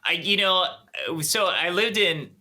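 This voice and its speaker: A man with a Minnesotan accent, a podcast guest chatting casually over a video call, talking haltingly with many restarts. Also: high voice, pushed and bright. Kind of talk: casual chat.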